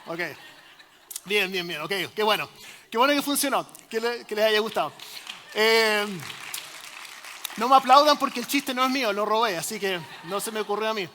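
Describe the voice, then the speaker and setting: High-voiced pastor with church reverb. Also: male voice, moderate pace, long pauses, sharp tone, a faint crowd, slight background noise. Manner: joking with the congregation; filler-heavy, hesitant delivery. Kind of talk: sermon. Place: church sanctuary.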